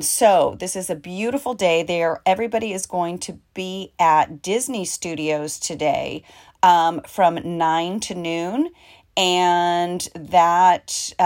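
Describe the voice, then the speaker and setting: A woman's voice: fairly low pitch, no room sound, clean studio sound. A middle-aged or older American woman hosting a casual, encouraging solo podcast, with slightly muffled sound from recording in a closet. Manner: encouraging, heartfelt. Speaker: podcast host, working actor. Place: small clothes closet at home, indoors.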